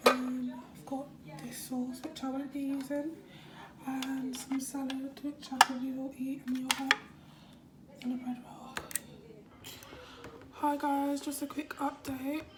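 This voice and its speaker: Hoarse, whispery woman recovering. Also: sits high, little pitch movement, a little slow, long pauses, heavy background noise. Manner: weak, drowsy, often whispering. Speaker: vlogger. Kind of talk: casual vlog. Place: hospital room.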